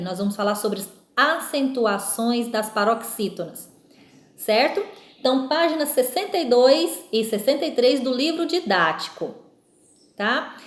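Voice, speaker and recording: A Brazilian woman teacher giving a recorded lesson to young pupils, slowly stressing example words and often checking in with them. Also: a little high. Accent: Brazilian Portuguese. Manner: slow, emphatic spelling-out of example words. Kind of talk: recorded remote school lesson. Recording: echoey room sound.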